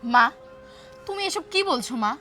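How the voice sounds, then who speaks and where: A woman's voice: a little high, very animated, moderate pace, a bit bright, soft background music. A woman playing a pleading young daughter. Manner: pleading, soothing, anxious. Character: young married daughter pleading with her angry mother.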